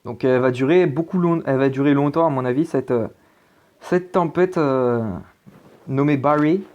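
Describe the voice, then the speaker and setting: Over a set of weather maps, a man gives an informal forecast, stumbling through fillers and false starts like the amateur presenter he is. His voice sits mid-range with a darkish tone, normal speed, and the high frequencies cut off.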